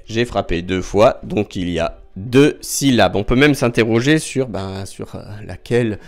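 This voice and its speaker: A man's voice: lowish voice, a little slow, faint music behind. A man teaching young children from home, patiently spelling out syllables and counting down with a small child nearby.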